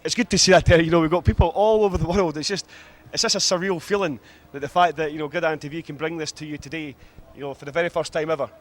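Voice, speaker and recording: A man's voice: a little high, steady tone, racing, few pauses. A man with a broad Scottish accent giving live American football commentary in a chatty, explanatory way. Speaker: sports commentator, former player.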